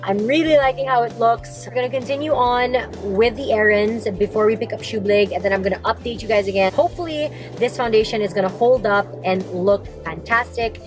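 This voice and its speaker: A bubbly young Filipina beauty vlogger chats brightly to the camera, talking briskly with few pauses in a fairly high voice. Music plays underneath, and the low-quality footage is shot on a handheld camera in her car and at home.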